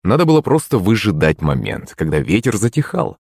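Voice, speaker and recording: A man reading a story aloud in the first person, expressive and lively. His voice sits low but swings widely in pitch. The recording is dry and close. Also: a little fast, vocal fry, slightly rough, no echo. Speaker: narrator. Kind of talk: scripted audiobook narration.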